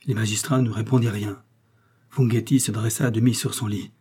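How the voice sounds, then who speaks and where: Guy reading a novel out loud, mellow and a bit husky, steady pace. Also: lowish voice, brisk. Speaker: audiobook narrator. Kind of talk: scripted narration of a novel.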